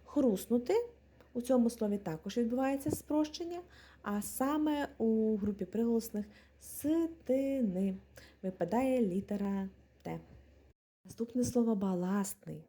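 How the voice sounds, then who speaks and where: Young adult woman, language teacher, mellow husky tone, slow and deliberate, word by word. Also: on the high side. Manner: clear, deliberate, spells out letters and example words one by one. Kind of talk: exam-prep lesson, explaining rules with word examples.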